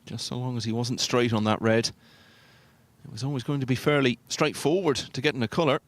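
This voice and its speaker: A man commentating on snooker in a hushed, measured, understated and analytical way. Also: mid-range voice, fairly even intonation, no echo.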